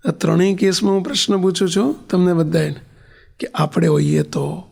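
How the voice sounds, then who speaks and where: A male preacher delivers a sermon, telling a story and pressing his listeners with questions. His voice is high-pitched with a gravelly rasp. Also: fairly even intonation, moderate pace, darkish tone. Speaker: spiritual leader giving a discourse.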